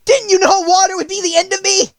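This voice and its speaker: A woman voicing a wicked old witch in a storybook, with a shrill, wailing, theatrical delivery. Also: animated, a bit bright, no room sound, studio quality. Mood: wailing despair. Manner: gloating, theatrical, drawn-out cries. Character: wicked old witch, cackling, greedy, shrieking in despair.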